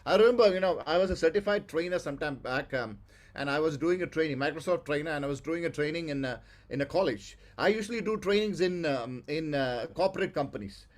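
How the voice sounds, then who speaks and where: A man leads an interactive public speaking lesson, speaking emphatically and repeating phrases to drive his points home. His voice is on the high side and a little fast.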